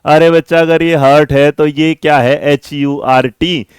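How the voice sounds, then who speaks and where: A man's voice: on the high side, steady tone, unhurried, clean tone, dry recording, clean studio sound. Playful Indian man teaching online. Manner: playful, teasing, addresses viewers as his children. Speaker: online exam-prep teacher. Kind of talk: live online class.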